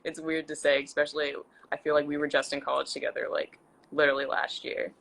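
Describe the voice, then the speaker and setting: Chatty young woman hosting, bright voice. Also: sits low, flat delivery, quick pace, vocal fry, slight background noise, low-quality recording. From Central Maryland, USA. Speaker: host. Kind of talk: casual live video interview.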